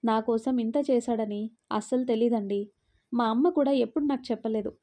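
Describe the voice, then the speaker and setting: Woman reading a tired, tearful young pregnant wife in a storybook, soft mellow voice. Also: fairly high pitch, fairly even intonation, normal speed, close to an everyday voice. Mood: remorseful. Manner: weary, tearful.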